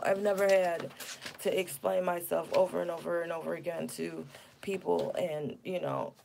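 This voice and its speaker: Gravelly-voiced woman venting on a vlog. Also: low-pitched, darkish tone, slight background noise. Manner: indignant, venting, reads chat aloud. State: upset, tearful. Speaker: vlogger. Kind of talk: casual livestream talk.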